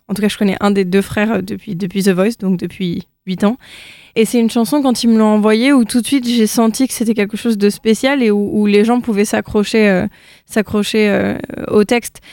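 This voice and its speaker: A woman's voice: medium pitch, darkish tone, no room sound. Young woman singer from the north of france, radio interview, earnest, keeps restarting, dry close mic. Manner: earnest, restarts phrases often. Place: radio studio.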